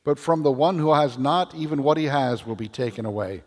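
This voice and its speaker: A cleric reading the Gospel at Mass with a measured, solemn delivery, his voice ringing in a cathedral echo. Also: on the high side. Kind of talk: liturgical Scripture reading. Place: large church. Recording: long church reverb.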